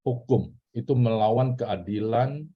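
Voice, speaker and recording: A man's voice: mid-range voice, measured pace, slightly rough. A man with an Indonesian accent teaching a church Bible class in a casual, chatty way, asking questions and repeating key words. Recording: dull lo-fi recording.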